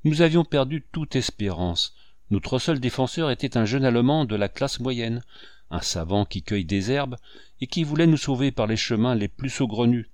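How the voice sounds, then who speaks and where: A man reading aloud, voicing an excitable, gullible middle-aged English mother who gushes breathlessly. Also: medium pitch, normal speed, dry recording, clean studio sound, lightly acted. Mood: gushing.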